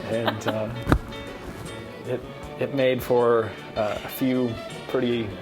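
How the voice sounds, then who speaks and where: A man recalling his honeymoon in an interview, speaking hesitantly with halting fillers. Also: mid-range voice, flat delivery, music in the background. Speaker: guest, the groom. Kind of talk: casual interview recollection.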